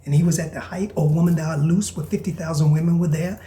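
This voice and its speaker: A man hosting a podcast in a preacher's style, reading aloud and commenting with emphatic repetition and sudden hushed whispers. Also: fairly high pitch, fairly even intonation, quick pace, reverberant. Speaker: podcast host.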